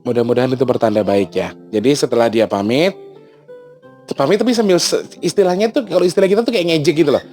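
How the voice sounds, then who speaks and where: A man tells a story to his vlog audience in a mid-pitched voice. He talks in an animated way and breaks into exclamations. Soft guitar music plays faintly behind him. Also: fast talker. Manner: animated, mixes in Javanese, frequent exclamations. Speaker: channel host.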